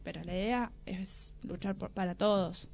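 A woman with an Argentine accent co-hosting a radio segment, speaking in a halting, casual way with restarts. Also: mid-range voice, vocal fry, darkish tone.

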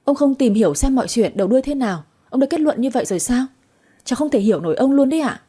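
A woman's voice: on the high side, expressive, moderate pace, warm tone, breathy edge. A woman voicing a resentful young granddaughter who bickers sharply. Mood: indignant.

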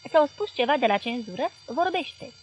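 A woman voicing a loud, blustering man who owns a newspaper, talking in a bellowing, impatient way. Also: very high-pitched, lively intonation, faint music behind, pitched above the performer's own voice.

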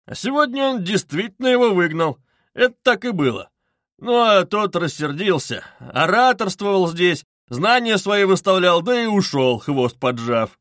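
A man voicing a tipsy young man, loud, blustering and drunkenly emphatic. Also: a little high, lively intonation, normal speed, dry recording, clean studio sound, pitched above the performer's own voice. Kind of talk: audiobook character reading.

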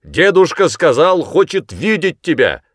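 A man voicing a gruff police sergeant who shouts orders across a river. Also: lowish voice, very animated, moderate pace, dry recording, studio quality. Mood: shouting. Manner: loud shouting and commanding.

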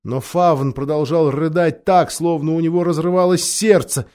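A man reads a fantasy storybook aloud in a measured, expressive way. His voice sits notably high for a man. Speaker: audiobook narrator. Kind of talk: scripted narration.

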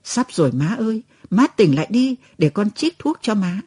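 A devoted young daughter, pleading through tears, as a woman puts her on in a storybook. Her voice is warm and slightly breathy and swings widely in pitch. The recording is close and dry. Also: big pitch swings, moderate pace. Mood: pleading, tearful. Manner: pleading, tearful.

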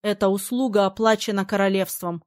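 A woman's voice: mid-range voice, steady tone, fairly quick, a little mellow, dry recording, studio quality, lightly acted. Woman reading as a stern commanding battle mage. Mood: softened. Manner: commanding, then silky and menacing.

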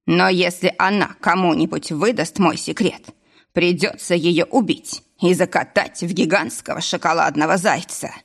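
A woman voicing a weak, breathless older man lying in intensive care, talking slowly between sighs. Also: lowish voice, vocal fry. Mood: weary. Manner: slow, sighing, breathless delivery.

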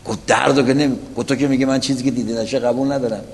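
A man's voice: mid-range voice, steady tone. Preacher man in a reverberant hall. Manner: storytelling, addresses listeners directly with rhetorical questions. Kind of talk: religious lecture to a weekly congregation. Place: religious gathering hall.

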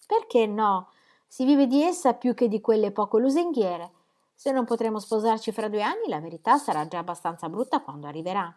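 A woman's voice: on the high side, lively intonation, fairly quick, darkish tone, pitched above the performer's own voice, lightly acted. A woman voicing a cheerful, spendthrift young man who jokes and pleads, in an audiobook reading. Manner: joking, pleading.

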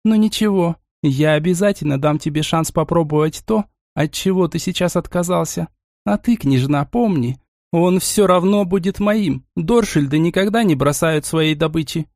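A man's voice: fairly high pitch, moderate pace, darkish tone, dry recording, voice pushed up, lightly acted. Man doing a haughty rich seductress, raised voice, teasing, dry close sound, audiobook. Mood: taunting. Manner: teasing, flirtatious, then furious.

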